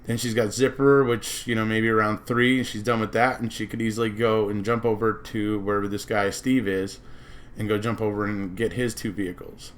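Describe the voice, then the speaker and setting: A man's voice: fairly low pitch, level tone, a little fast. An American man giving a casual, speculative monologue as a true-crime commentator, rambling and circling back to repeat his points.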